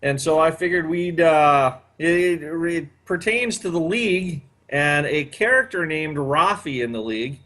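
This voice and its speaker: A man's voice: on the high side, lively intonation, unhurried, hardly any pauses, fairly bright tone. Rambling fifty-something male host. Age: 50s. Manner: rambling, many "uh" fillers. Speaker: podcast host. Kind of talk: casual chat.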